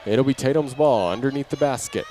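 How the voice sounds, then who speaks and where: A man with a mellow, mid-range voice talks a little quickly as he does live play-by-play of a basketball game. His clipped running phrases lift on big plays in this radio-style commentary, recorded in an indoor gym full of ambient noise and a bouncing basketball, so the audio is clearly noisy.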